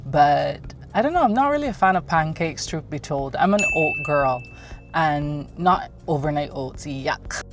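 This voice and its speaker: A woman's voice: deep voice, animated, measured pace, music in the background. A woman from Barbados, chatting casually on a handheld phone camera and asking her viewers questions as she runs errands. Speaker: vlogger. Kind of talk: casual vlog chat. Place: out and about in a city, car and shops.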